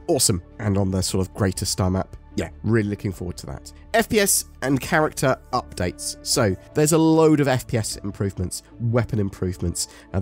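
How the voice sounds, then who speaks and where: A man's voice: lowish voice, darkish tone. A man hosting a casual gaming update commentary, ill and talking through soreness, in an informal, rambling way. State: ill with covid, sore and painful to talk. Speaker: gaming video host. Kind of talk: casual scripted-notes commentary on game updates.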